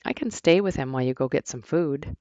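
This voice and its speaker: A woman's voice: low voice, a little fast, dark tone, dry recording, dull audio, close to an everyday voice. A woman voicing a reserved young woman who asks hesitant, curious questions.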